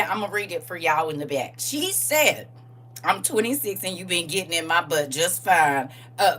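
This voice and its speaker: A woman in her forties hosting a casual livestream, animated and teasing as she reads viewer comments aloud. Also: medium pitch, far from the mic, slight background noise.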